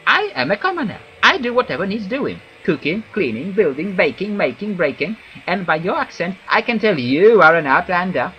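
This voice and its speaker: A man's voice: sits high, very animated, moderate pace, hardly any pauses, dull audio, a little hiss or hum, pitched above the performer's own voice. A man voicing a chatty, nervous wood elf commoner from a video game in a perky, gossipy christmas elf manner. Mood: chirpy, informative. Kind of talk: video game character read aloud.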